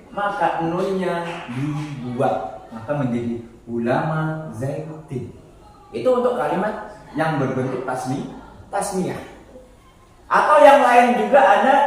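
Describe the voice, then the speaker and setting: A man teaches grammar at an unhurried pace, going back over each term and restarting words as he explains. His voice sits a little high for a man and comes from some distance away. The room around him rings with heavy echo. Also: a little hiss or hum. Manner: slow and explanatory, repeats terms and restarts words. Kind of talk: casual grammar lesson. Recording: echoey room, voice far from the mic.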